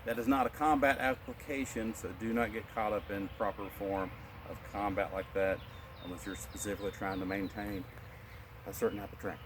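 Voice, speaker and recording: Calm man guiding a qigong class. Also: on the low side, a little fast, noisy background. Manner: calm, instructive, cueing breaths. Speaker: martial arts instructor.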